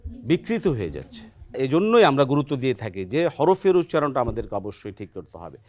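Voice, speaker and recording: A patient, encouraging Quran teacher speaks in a steady, middle-pitched voice. The lesson is taught in a television studio. The teacher keeps quizzing the students and checking with a quick "right?". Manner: quizzes students, often adds a questioning "right?". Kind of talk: children's Quran pronunciation lesson.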